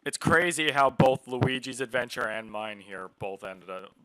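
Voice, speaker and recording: A man's voice: medium pitch, expressive, moderate pace, a bit bright, a little hiss or hum, rough recording. A man giving casual, rambling commentary on a game livestream, often interrupting himself. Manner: chatty, rambling, self-interrupting. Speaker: streamer. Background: game music.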